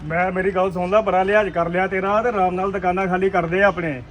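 A man's voice: sits high, level tone, fast, lightly acted. An actor playing a blunt shop owner who scolds a tenant to empty his shop. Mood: scolding. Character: bossy shop owner demanding an eviction.

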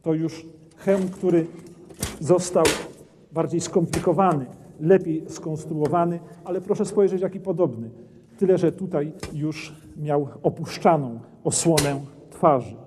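A middle-aged man explains armour for a history documentary, pointing at it as he speaks in a dim brick castle armoury indoors. Heard through a lapel mic, his voice is a little high, a little slow and mellow, with a big-room sound and slight background noise.

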